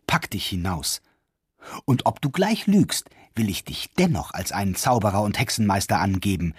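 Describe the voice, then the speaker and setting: A man voicing a scornful young courtesan who scolds and mocks, with a husky voice in a fairy-tale reading. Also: big pitch swings, normal speed, no echo, studio quality, exaggerated voice. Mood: scolding. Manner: shrill, scolding.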